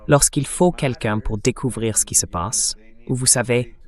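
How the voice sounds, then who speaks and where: Man interviewing, steady questions, normal pitch, dubbed over. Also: moderate pace.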